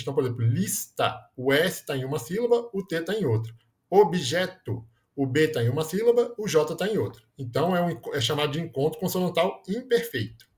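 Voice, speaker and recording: A man's voice: a little high, a little mellow. A man explaining grammar in a lesson, often checking in with "né?" and correcting himself mid-word. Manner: explanatory, frequent "né?" tags, self-corrections. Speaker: teacher.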